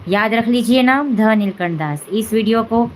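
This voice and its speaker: A woman's voice: a little high, normal speed, a little mellow, slight background noise, low-quality recording. A woman hosting a devotional live stream, talking casually with many fillers and "है ना" asides. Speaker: devotional channel host.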